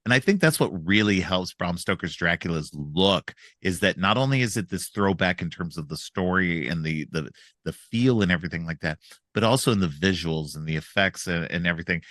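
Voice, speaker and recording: Stuffed up with a cold, a middle-aged podcast host rambles through a casual film show with frequent restarts. He talks a little fast in a low, fairly bright voice, recorded in clean studio sound with no room sound.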